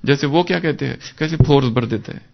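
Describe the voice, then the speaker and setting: A man giving a devotional class, animated and acting out his own inner self-talk. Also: mid-range voice, quick pace, creaky, highs cut off. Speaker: spiritual teacher.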